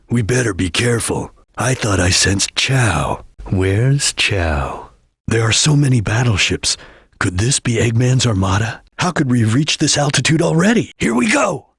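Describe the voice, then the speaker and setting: Espio the Chameleon, husky stoic ninja. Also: male voice, lowish voice, a bit bright, no room sound, clean studio sound, heavily acted. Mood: urgent, alert. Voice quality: husky, gravelly. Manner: terse, solemn, guarded delivery. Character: stoic, watchful ninja chameleon, grave and duty-bound. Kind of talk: scripted video game voice lines.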